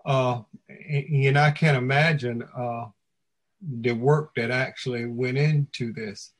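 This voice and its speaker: Slow-talking man council member, halting, repeats himself. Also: mid-range voice, steady tone. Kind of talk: meeting remarks.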